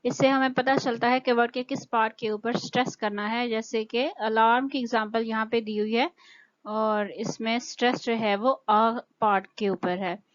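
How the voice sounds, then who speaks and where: A woman with a Pakistani accent teaches English pronunciation in a recorded lecture, taking it slowly and stretching out each example word. Her voice sits a little high. The recording sounds dull and lo-fi. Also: steady tone. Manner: slow and careful, drawing out example words.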